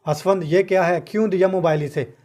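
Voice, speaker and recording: A man's voice: sits high, steady tone, brisk, a little mellow, lightly acted. A man voicing a harsh, stubborn middle-aged aunt who scolds the family, in a storybook reading. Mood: angry.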